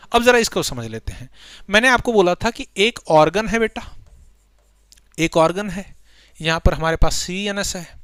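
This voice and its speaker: High-voiced man teaching biology. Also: a bit bright, smooth, no echo. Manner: chatty, asks students questions then answers them, uses memory tricks. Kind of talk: exam-prep classroom lecture.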